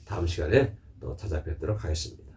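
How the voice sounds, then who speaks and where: A man giving a sermon at a measured, repetitive pace, who sometimes acts out God's voice in quoted lines. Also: extremely low pitch, a little mellow, slight background noise. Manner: measured, repetitive preaching cadence. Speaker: pastor.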